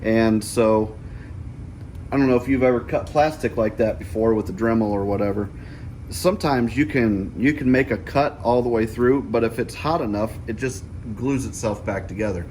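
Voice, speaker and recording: A middle-aged DIY vlogger walks through a hands-on task step by step in a casual tutorial, often checking in with "okay?" His voice is mid-range and a little mellow, his pace moderate, with slight background noise.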